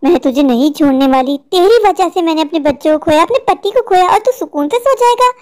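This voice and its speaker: A woman voicing a vengeful, grieving female witch spirit in a cartoon, with slow, gloating threats. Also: very high voice, animated, darkish tone. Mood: menacing. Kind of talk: cartoon voice acting.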